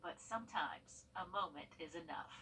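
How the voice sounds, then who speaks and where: A woman's voice: lowish voice, moderate pace, bright, forceful tone, recorded from a distance, a little hiss or hum, rough recording. A woman reporter narrating a scripted television feature story. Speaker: TV news reporter.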